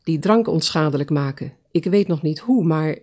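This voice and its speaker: A woman's voice: sits low, animated, normal speed. Woman voicing a cautious whispering hare. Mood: urgent. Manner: hushed, urgent. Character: cautious, clever hare who whispers plans.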